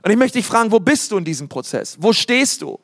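A man delivers a sermon in a casual, energetic way, scattering fillers and English words. His voice sits high for a man. The church hall adds a long, ringing reverb. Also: fast talker. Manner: lively preaching, mimics congregants in put-on voices; casual, many fillers and anglicisms. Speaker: pastor.

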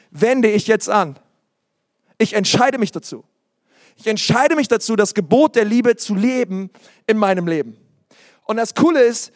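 A man preaching a sermon in an animated, emphatic way, with sudden loud exclamations. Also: very high voice, dry recording, clean studio sound.

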